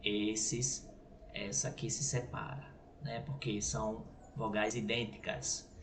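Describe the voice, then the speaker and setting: A man's voice: lowish voice, flat delivery, slow pace. A Brazilian man teaching a grammar lesson, explaining step by step and checking in with "right?" and "ok?". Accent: Brazilian Portuguese. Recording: echoey room with faint noise.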